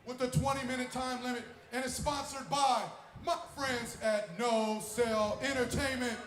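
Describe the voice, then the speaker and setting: A man working as a live wrestling ring announcer, projecting in a theatrical, drawn-out showman style over a venue PA. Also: extremely high pitch, flat delivery, background noise. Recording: echoey live venue, loud music, crowd.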